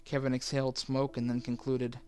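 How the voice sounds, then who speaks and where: A man narrating a first-person horror story in a steady, somber reading, over faint music. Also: medium pitch, fairly quick, clear, resonant tone. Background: faint background music.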